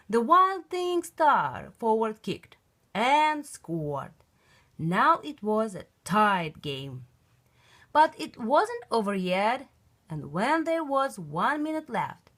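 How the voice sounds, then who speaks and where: In a medium-pitched voice, a woman gives an expressive, emphatic storytelling reading of a children's picture book.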